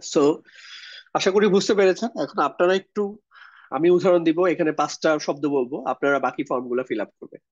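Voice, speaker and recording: Man teaching grammar in a steady step-by-step way. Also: a little high, a little fast, no echo, highs cut off. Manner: explains step by step, checks understanding with questions. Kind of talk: online class lecture. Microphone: video call.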